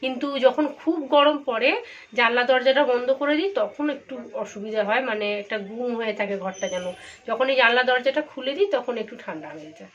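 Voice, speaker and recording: A hoarse woman with a Bengali accent, chatting to viewers while doing chores in her home kitchen. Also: on the high side, a little fast, dull audio. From India. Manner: chatty, confiding, addressing viewers directly. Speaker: vlogger. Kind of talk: casual home vlog narration.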